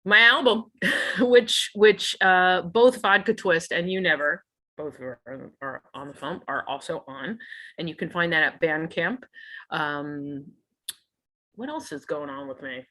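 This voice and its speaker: A woman's voice: fairly low pitch, measured pace, sharp tone. A middle-aged woman musician chatting as a guest in an interview, talkative and laughing often between phrases. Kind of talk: casual interview chat.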